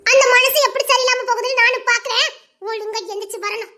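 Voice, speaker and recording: A woman with a Tirunelveli accent performs a loud family quarrel in a dialect drama, firing off quick retorts. Her voice is very high and bright, and her delivery is fast. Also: fairly even intonation. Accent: Tirunelveli Tamil.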